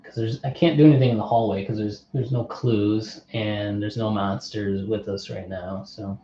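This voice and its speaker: A man's voice: on the low side, fairly even intonation, moderate pace, dark tone, a little hiss or hum. Easygoing man thinking aloud over a game. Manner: thinks aloud, reads card text, asks unseen viewers. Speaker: board game streamer. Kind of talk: casual play-through commentary. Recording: muffled, echoey room.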